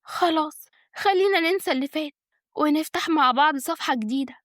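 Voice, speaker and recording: A woman's voice: high voice, a little fast, no echo, clean studio sound, pitched above the performer's own voice, natural voice. A woman voicing a scheming young wife with an Egyptian accent, sweet-talking and coaxing. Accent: Egyptian Arabic.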